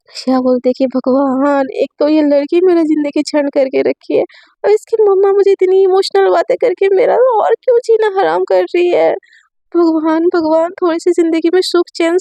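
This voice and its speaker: A woman telling a serialized romance story in a chatty, animated way, talking to her listeners as friends. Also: very high voice, normal speed, dry recording. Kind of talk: casual serialized story narration.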